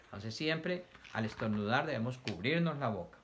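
A man's voice: medium pitch, animated, normal speed, fairly bright tone, slight background noise. A man teaching young children, reading a picture book aloud, asking them questions and acting out sneezes and coughs.

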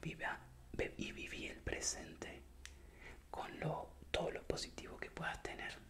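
A young man with a Latin American voseo accent delivers a whispered pep talk for ASMR. His voice stays in a breathy, unvoiced whisper, close to the mic. He repeats words soothingly and keeps an encouraging manner. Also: unhurried, sharp tone. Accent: Latin American Spanish with voseo. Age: young adult. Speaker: ASMR creator. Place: small indoor room with bare wall. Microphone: desk microphone up close.

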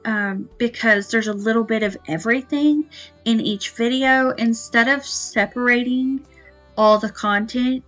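A homemaking vlogger chats casually to camera in her small home kitchen, rambling with fillers as soft music plays in the background. Her voice is a little high and unhurried, and the audio quality is poor.

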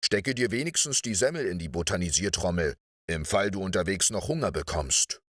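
Kindly storybook gentleman, voiced by a man, low, calm, dry sound. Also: unhurried, no echo. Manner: gentle, warmhearted. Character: kindly man letting a boy have his way. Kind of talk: audiobook reading.

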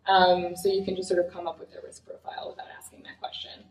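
A young American woman, a physician, gives a conversational yet earnest academic lecture full of fillers. Her lowish, slightly mellow voice moves fast with a completely flat delivery. A far room mic catches her from a distance in an echoey lecture room.

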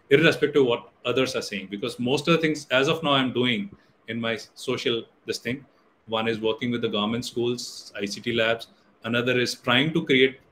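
A middle-aged Indian man, a native Hindi speaker, delivers an online guest lecture in English, full of fillers and restarts. His mid-range, slightly bright voice comes from an indoor room over a webcam or laptop mic on a video call, with a little hiss or hum and rough quality.

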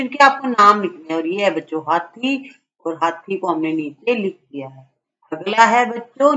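A woman's voice: medium pitch, fairly bright tone. A woman teacher going through a homework worksheet for young children, repeating words and correcting their spellings. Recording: dull lo-fi voice-over.

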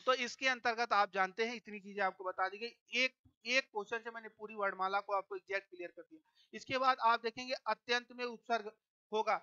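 A man's voice: high voice, fairly even intonation, a little fast, pushed and bright, smooth. A male teacher giving an exam-prep lecture, explaining step by step and checking in with "okay" after nearly every point. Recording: dull lo-fi sound.

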